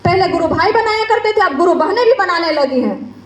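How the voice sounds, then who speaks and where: A woman with a strikingly high voice preaches an impassioned devotional sermon. She scolds her listeners and keeps firing rhetorical questions at them. Her words ring through an echoey room. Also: expressive, a little fast. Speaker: spiritual speaker. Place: stage before a gathering.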